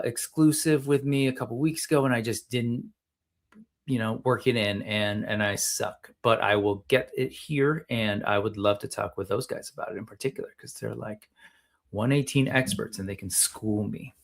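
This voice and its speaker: A man's voice: mid-range voice, fairly even intonation, normal speed. A man hosting a casual solo livestream about toy collecting, rambling and often interrupting himself with self-deprecating asides.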